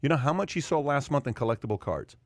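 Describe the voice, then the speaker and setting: A man's voice: mid-range voice, expressive, fast talker, no room sound. A man hosting a podcast panel, telling stories with animation and repeating his points for emphasis. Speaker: podcast host. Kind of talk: casual panel chat.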